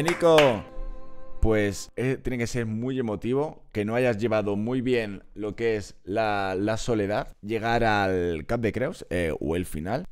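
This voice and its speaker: Man, casual streamer commentary, low voice, rambling with fillers. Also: darkish tone, clean tone. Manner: chatty, digressive, many fillers and restarts. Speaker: streamer reacting to a hiking video.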